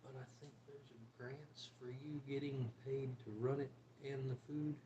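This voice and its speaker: A man co-hosting a casual live stream, relaxed and joking, often trailing off mid-thought. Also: mid-range voice, normal speed. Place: room in a home. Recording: roomy echo with faint background noise.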